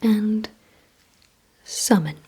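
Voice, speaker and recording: An ASMR creator runs a word-guessing game in a breathy, mostly unvoiced whisper, speaking close into the microphone. Her mid-range tone is dark and mellow. Each instruction comes slowly and deliberately, with repeated words and pauses in between.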